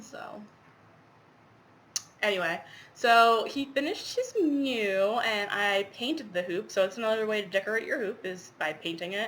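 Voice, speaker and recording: In a casual show-and-tell, a woman with a head cold and a medium-pitched, slightly bright voice shows her cross-stitch projects. The audio is poor with a little hiss or hum, and her stuffy chat rambles with plenty of fillers.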